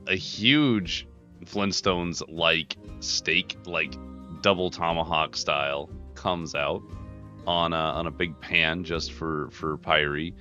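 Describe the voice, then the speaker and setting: Guy game mastering a tabletop game, real deep voice, chatty, bit dull audio w music under. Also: bright, forceful tone. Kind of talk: narrating a tabletop game, casual. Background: background music.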